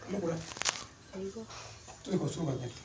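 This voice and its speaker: A man's voice: fairly high pitch, brisk, noisy background. A man teaching an English class, quizzing his pupils and calling them beta. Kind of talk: classroom lesson. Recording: echoey classroom from far off.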